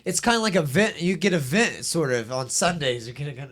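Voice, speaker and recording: Brief: male co-host, slightly high voice, teasing laid-back banter, small studio. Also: lively intonation, fairly quick, fairly bright tone. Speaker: podcast co-host. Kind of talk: casual chat.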